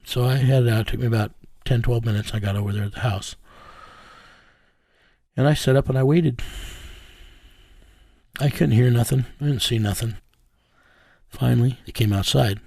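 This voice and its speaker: A man's voice: mid-range voice, normal speed, vocal fry, long pauses, darkish tone, no echo. A middle-aged man from the United States, an interview guest telling a matter-of-fact first-person story about his vigilante work. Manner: plain, matter-of-fact telling with reenacted dialogue.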